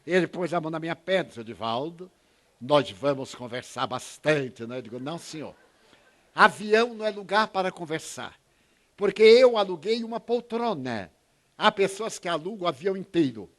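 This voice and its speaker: A man in his eighties with a Bahian Brazilian accent speaks in a fairly high voice. He gives an inspirational talk, telling anecdotes and acting out the other speakers with changing pitch and loudness. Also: animated, fairly quick. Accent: Bahian Brazilian Portuguese. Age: 80s. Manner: storytelling, acts out dialogue with shifts in pitch and volume. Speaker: spiritist speaker.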